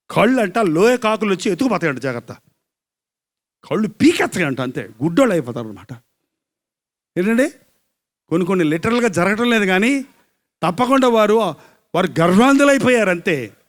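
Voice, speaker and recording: A male evangelist preaching a live sermon, dropping to hushed murmurs, then rising into loud, impassioned cries and asking the congregation questions. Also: on the high side, expressive, brisk, pauses often.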